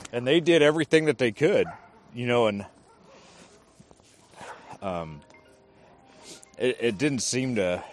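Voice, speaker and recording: A man who served as an army drill sergeant, talking casually and hesitantly, thinking aloud as he speaks. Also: on the low side. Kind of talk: casual conversation.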